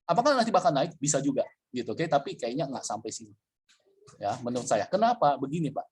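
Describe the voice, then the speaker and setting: A man's voice: mid-range voice, big pitch swings, fast talker, a little mellow, breathy edge. A man presenting a casual trading webinar, chatty, with frequent fillers and checks that the listener follows.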